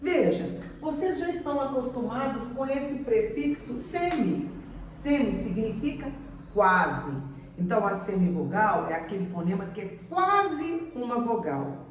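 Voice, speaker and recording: A woman teacher giving a slow, deliberate grammar lesson, repeating example words. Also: fairly high pitch, sing-song, a little hiss or hum. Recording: echoey room, mic at a distance.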